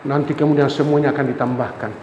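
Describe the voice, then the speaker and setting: A pastor preaching an impassioned sermon, swinging from soaring cries to low murmurs. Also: male voice, fairly even intonation, fast talker, muffled recording, background noise. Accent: Indonesian. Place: church sanctuary. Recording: echoey church hall with faint ambience.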